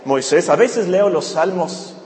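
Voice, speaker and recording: A man preaching a sermon to a congregation, animated and often asking them questions. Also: sits high, slow pace, slight background noise. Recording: echoey hall with long reverb.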